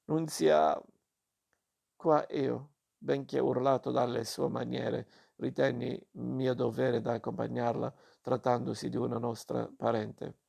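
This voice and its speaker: A man reading a novel aloud, in slow and measured reading with small slips. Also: mid-range voice, level tone, vocal fry, a little mellow, husky. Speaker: reader.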